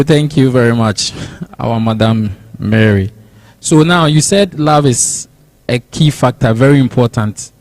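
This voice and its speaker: A man's voice: medium pitch, no room sound, low-quality recording. A man with a Ghanaian accent hosting a church talk show, asking questions and repeating himself. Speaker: host.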